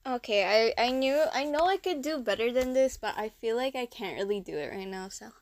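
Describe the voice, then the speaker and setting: A woman's voice: a little high, lively intonation, brisk, very noisy. A woman chatting casually as an amateur impressionist, in between switching impression voices.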